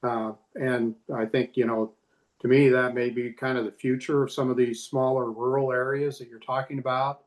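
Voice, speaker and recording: A man from Idaho, a former state senator, answering on a panel with many pauses and fillers. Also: medium pitch, flat delivery, rough recording. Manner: halting, frequent "uh" fillers.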